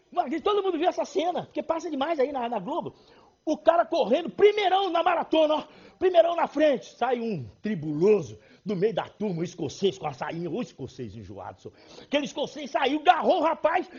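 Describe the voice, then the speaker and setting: A male pastor with a Brazilian accent preaches in a high, slightly husky voice. His delivery swings widely, acting out little scenes and bursting into loud exclamations. The church recording sounds dull and lo-fi. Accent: Brazilian Portuguese. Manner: animated preaching with acted-out dialogue and sudden loud exclamations. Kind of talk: sermon.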